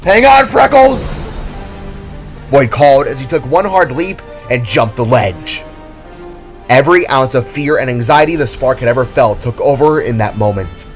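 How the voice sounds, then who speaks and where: With music running underneath, a man reads an adventure story as the narrator, delivering it dramatically. His voice is mid-range and his pace normal.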